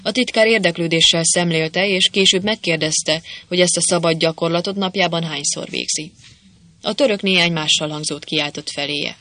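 Clear bright storyteller reading an audiobook, super dry sound. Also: medium pitch, no room sound. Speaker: audiobook narrator. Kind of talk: scripted narration.

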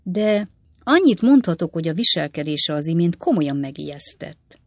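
A woman voicing a genial, polite elderly gentleman who is easily startled, fussy and courteous. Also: sing-song, dry recording, studio quality, full character voice. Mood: uneasy. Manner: fussy and courteous, rising to high exclamations. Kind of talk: audiobook character voice.

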